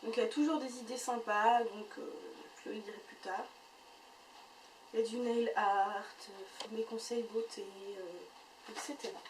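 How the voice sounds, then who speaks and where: A woman's voice: a little high, a little mellow, reverberant. A woman chatting casually as she unboxes and reviews beauty boxes, full of fillers and restarts. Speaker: beauty vlogger. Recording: voice a bit far from the mic, faint noise.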